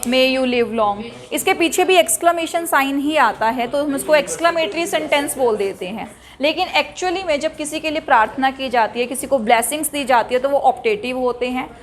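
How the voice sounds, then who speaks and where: High-voiced woman teacher lecturing a class. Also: brisk, hardly any pauses. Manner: quizzes students and calls for quiet; mixes Hindi explanation with English example sentences.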